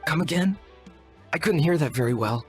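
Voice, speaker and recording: In this video game role, the actor's voice is fairly high, husky and animated at a moderate pace. He plays the young shaman apprentice as earnest, deferential, polite and long-winded, with music in the background.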